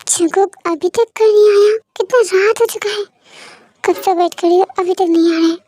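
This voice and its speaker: Girl doing a worried pregnant wife, super high voice, dry close sound, pleading. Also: steady tone, moderate pace, dark tone, dry recording. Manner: pleading, tearful. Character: pregnant young wife, anxious and tearful. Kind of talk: fan story voice acting.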